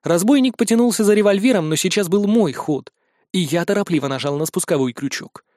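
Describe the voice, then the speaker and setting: A man narrating a fantasy adventure in first person, brisk and wry. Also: high voice, expressive, a little mellow, dry recording, studio quality. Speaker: audiobook narrator.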